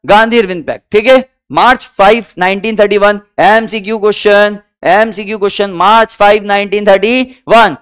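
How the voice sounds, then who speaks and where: Guy teaching class, high smooth voice, keeps asking students to repeat answers. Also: steady tone, normal speed, few pauses, a bit bright. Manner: quizzes students with repeated questions and calls them beta, acts out short quoted bits. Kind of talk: energetic classroom-style lesson.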